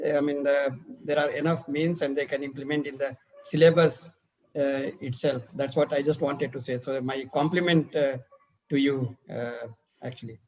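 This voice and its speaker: A man giving informal, rambling remarks as a conference participant, halting and correcting himself. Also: mid-range voice, steady tone, a little mellow, poor audio.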